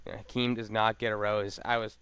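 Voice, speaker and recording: Laid-back slangy man, smooth voice. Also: lowish voice, little pitch movement, fairly bright tone. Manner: laid-back, slangy, talks fast with lots of fillers. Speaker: podcast co-host. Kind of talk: casual chat recapping a reality show.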